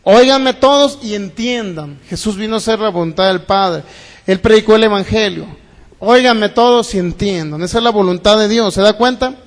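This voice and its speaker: A man's voice: sits high, moderate pace. A man preaching a sermon as pastor, reading scripture and asking the congregation rhetorical questions. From Mexico. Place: church hall. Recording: long hall reverb.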